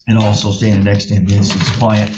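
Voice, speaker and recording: A man speaking as a judge in court, measured and procedural, pausing with fillers, heard on a courtroom recording. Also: lowish voice, monotone. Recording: roomy, dull courtroom recording with faint hiss.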